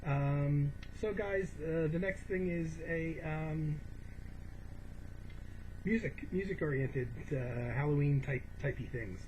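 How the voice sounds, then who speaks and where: A vlogger shows off a collection in a casual, rambling way, hesitating and often correcting himself as he meanders along. His voice is fairly high, slow and a little mellow. It's a dull lo-fi home recording with clear background noise.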